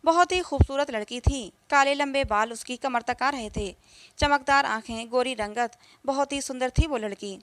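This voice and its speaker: A woman narrating a first-person story in a steady, earnest, scripted way. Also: sits high, normal speed.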